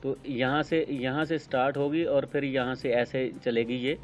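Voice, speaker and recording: A man with a Pakistani accent teaching shorthand, explaining step by step with many pauses. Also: mid-range voice, little pitch movement, soft background music. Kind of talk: screen-recorded tutorial explanation. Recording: dull lo-fi sound with faint noise.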